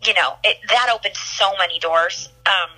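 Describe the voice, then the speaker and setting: A young woman being interviewed about her time as a singing contestant, telling the story in an animated, chatty way with lots of fillers. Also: mid-range voice, moderate pace, faint music behind, low-quality recording. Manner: animated, chatty, laughs often, many fillers.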